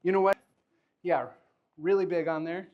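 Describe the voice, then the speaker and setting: Through narrow, tinny audio, a man's high-pitched voice keeps a steady tone at normal speed. Performing magic live in front of an audience, he delivers stage patter to a volunteer, joking, encouraging, and chuckling along.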